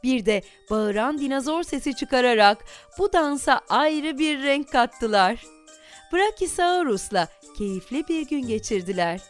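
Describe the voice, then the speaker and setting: A woman reading a children's story aloud in an expressive, animated storytelling manner. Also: high voice.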